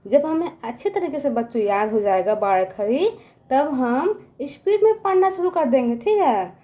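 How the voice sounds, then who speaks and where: A woman teaching young children in a coaxing voice, often addressing them and slowly stretching out each syllable as she sounds it. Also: high-pitched, animated, dark tone. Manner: coaxing, repeats "ठीक है" and "बच्चों" often. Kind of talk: children's lesson.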